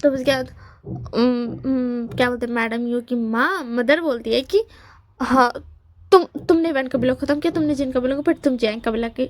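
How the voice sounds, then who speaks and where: A woman's voice: high-pitched, moderate pace. A woman casually retelling a fan fiction story in her own words, stopping to search for words and dropping in English terms. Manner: chatty, searches for words, mixes English words into the telling.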